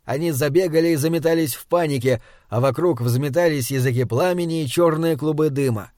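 A man narrating an audiobook in a measured, dramatic reading. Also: fairly high pitch, a little mellow, dry recording, clean studio sound.

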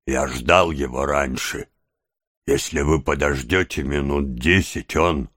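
An obliging tavern keeper, read by a man in a storybook speaks in a measured, confidential way. His voice sits very deep and reassures at an unhurried pace. It comes across close and dry. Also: fairly bright tone, dry recording, exaggerated voice.

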